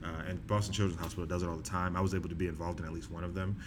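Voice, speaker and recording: A young man from New Jersey with Bahamian family, a doctor in training, answering interview questions in a measured, explanatory way with filler words. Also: deep voice, little pitch movement. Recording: noisy recording.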